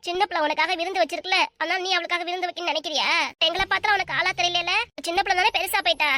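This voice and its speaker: A woman with a southern Tamil Nadu village accent, voicing all the characters of a village comedy cartoon in quick, bright banter. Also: very high voice, steady tone, dry recording. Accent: southern Tamil Nadu, Kanyakumari-Tirunelveli dialect. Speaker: voice artist for a cartoon.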